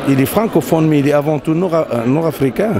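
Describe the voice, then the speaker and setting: A man's voice: a little high, a little fast, vocal fry, a crowd in the background. A man from Morocco, speaking in an interview with many fillers and restarts. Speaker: interviewee, company CEO. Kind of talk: casual interview conversation. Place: outdoors in a city.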